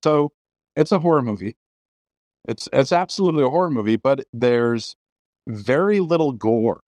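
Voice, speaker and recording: A man's voice: mid-range voice, animated, normal speed, darkish tone, no room sound. A middle-aged man hosting a podcast, talking opinionatedly about films with many restarts. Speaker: podcast host. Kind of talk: casual film discussion.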